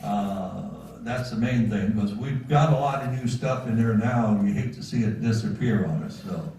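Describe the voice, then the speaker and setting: Mellow man in a very echoey room. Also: fairly low pitch, normal speed. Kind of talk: informal remarks at a club meeting. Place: meeting room, far from the mic. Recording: very echoey room, distant mic, faint noise.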